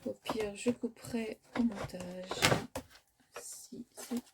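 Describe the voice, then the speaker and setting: Heavy background noise surrounds this woman's mid-range voice, which stays fairly even and slow. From France, she runs a crafting video, chatting as she works in a hesitant, casual way, filling gaps with sounds and correcting herself.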